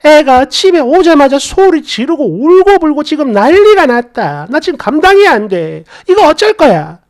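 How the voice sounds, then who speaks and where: Storybook role: a woman playing a middle-aged sister-in-law, shrieking, scolding, pitched high and loud. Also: big pitch swings, normal speed. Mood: yelling angrily. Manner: yelling, scolding.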